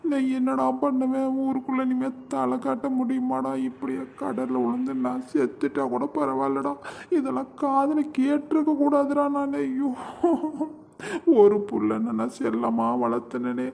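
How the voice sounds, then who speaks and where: Cartoon role: a performer playing a devastated middle-aged dad, high and gravelly, wailing. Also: little pitch movement, a little slow, darkish tone. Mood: grief-stricken. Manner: sobbing, lamenting, creaky high voice. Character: grieving middle-aged father, heartbroken and wailing. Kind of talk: cartoon drama voice acting.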